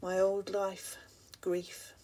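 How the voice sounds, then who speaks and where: A woman reading rhyming spoken-word poetry aloud in a soft voice that often drops to a breathy half-whisper, at times turning to ask the listener reflective questions. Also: medium pitch, monotone, extremely slow, a little hiss or hum.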